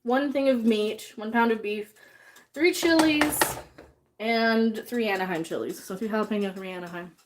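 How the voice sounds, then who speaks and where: A woman's voice: on the high side, normal speed, background noise. A woman chatting casually on a livestream while she cooks in her home kitchen, sniffly from chopping jalapenos and reading viewer comments aloud. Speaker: livestream host cooking.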